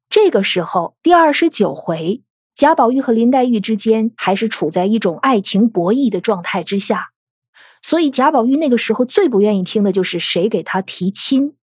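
A woman hosting a podcast, giving a scripted explanatory talk in a steady storytelling way, posing questions and then answering them. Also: medium pitch, husky, no room sound, clean studio sound. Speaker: podcast host.

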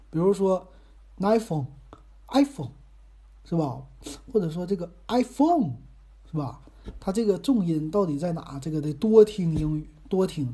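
A man's voice: on the high side, warm tone, slightly rough. A man with a Northeastern Mandarin accent hosting his own podcast in a chatty, rambling, self-deprecating monologue. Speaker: podcast host. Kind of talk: casual monologue.

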